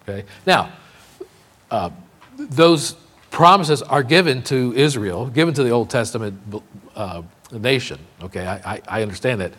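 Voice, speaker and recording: A man teaching a Bible lesson in a conversational way, often checking in with "okay?" and slowing down to read scripture aloud. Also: mid-range voice, expressive, fairly bright tone. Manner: frequent fillers and restarts, slows to read scripture.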